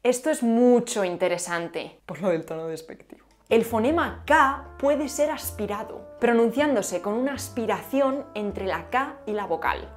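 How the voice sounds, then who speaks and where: A woman with a Spain Spanish accent hosting a lesson video, playfully demonstrating pronunciations. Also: on the high side. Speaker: linguistics video host.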